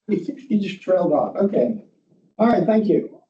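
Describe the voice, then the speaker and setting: A man chairs a formal board meeting, moving briskly through procedure. His voice is fairly high and very mellow, picked up muffled from across the room. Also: animated, roomy sound, slight background noise. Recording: muffled, distant meeting microphone.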